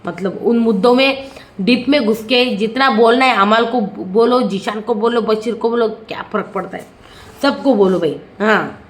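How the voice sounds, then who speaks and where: A woman with a high, bright-pitched voice delivers opinionated commentary on a reality show. She sounds indignant and keeps asking rhetorical questions. Her voice bounces around an echoey room. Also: moderate pace.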